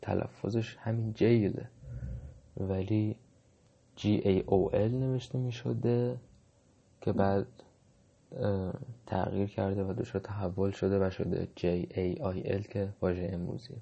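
Gravelly low-voiced man musing aloud. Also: fairly even intonation, dark tone, dull audio. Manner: reflective, hesitant with many fillers. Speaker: monologue host. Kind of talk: casual spoken monologue.

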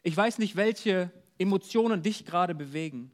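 High-voiced guy giving a church sermon, earnest, goes soft and quiet for the comforting bits. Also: normal speed. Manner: earnest preaching, drops soft and low for comfort. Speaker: pastor. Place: church service.

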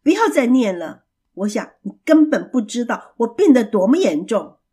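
A big sick bear grumbles and complains in a gruff, husky voice, as a woman puts him on for a storybook reading. The tone sits on the dark, mellow side. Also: mid-range voice, moderate pace, close to an everyday voice. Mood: grumbling.

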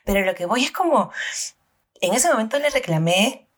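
A woman's voice: a little high, expressive, moderate pace. A woman, telling a story in casual chat and swearing freely. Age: 30s.

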